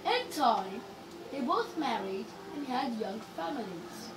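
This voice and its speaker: A young girl with a Nigerian accent reads a story expressively, stressing words with exaggerated, deliberate storytelling intonation. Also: a little high, sing-song. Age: child. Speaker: young reader. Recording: noisy, distant microphone.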